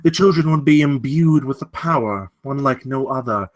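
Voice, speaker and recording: At a script table read, an actor voices a courteous yet menacing gentleman villain, relating his tale in slow, ornate, theatrical language. His voice sits in the mid-range and the acting is light, with a sly storytelling mood.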